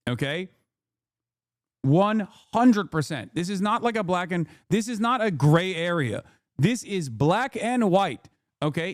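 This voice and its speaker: A man's voice: a little high, clear, resonant tone, no room sound, clean studio sound. A man streaming live, reacting heatedly to a video with emphatic, profane commentary and repeated points.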